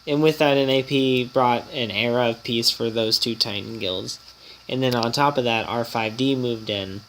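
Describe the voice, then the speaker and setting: A gaming channel host and guild leader rambles chattily through a casual mobile game vlog, easily startled and a bit nasal from an oncoming cold. His voice is medium-pitched and slightly bright, at a moderate pace, on a low-quality recording with slight background noise.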